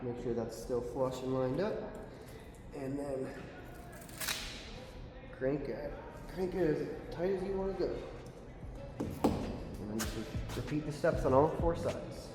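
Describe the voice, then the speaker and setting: A man's voice: mid-range voice, takes it slowly, long pauses, over loud music. A man giving an upbeat, slangy product review and install walkthrough in a garage. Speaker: vlogger.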